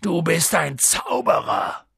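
Hagrid, a man doing a booming gruff giant. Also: takes it slowly, no room sound, studio quality, exaggerated voice. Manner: swings from low rumble to loud outrage. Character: huge gruff male half-giant gamekeeper, booming.

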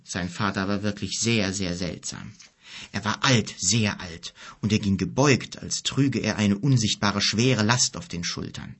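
A man narrating a children's storybook in a calm, even manner. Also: on the low side, husky. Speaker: audiobook narrator.

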